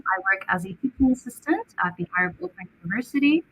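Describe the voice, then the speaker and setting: Bright, husky young woman moderating. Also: medium pitch, lively intonation, quick pace, poor audio. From Egypt. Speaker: panel co-moderator. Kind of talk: online panel introduction.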